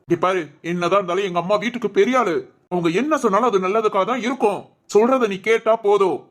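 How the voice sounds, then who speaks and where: Actor voicing a young husband, cartoon, stern, lecturing, Tamil village speech, mid pitch, quick. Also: a bit bright, close to an everyday voice. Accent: Tamil Nadu village speech. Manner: lecturing, commanding. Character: stern young husband who obeys his mother.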